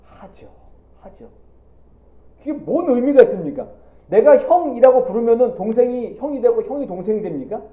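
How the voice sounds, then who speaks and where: Male pastor, animated sermon delivery; roomy echo, thin narrow-band recording. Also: very high-pitched, normal speed. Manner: animated preaching, acting out Bible figures in quotes. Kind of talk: Sunday sermon. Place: church sanctuary. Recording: echoey church, phone-like audio.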